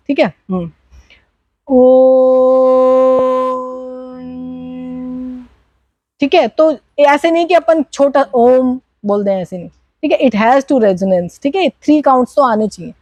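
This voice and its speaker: High-voiced woman teaching mantra chanting. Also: a little mellow, no room sound. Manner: instructive, checks in with "theek hai?" often, demonstrates chants. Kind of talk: workshop teaching, mixing Hindi and English.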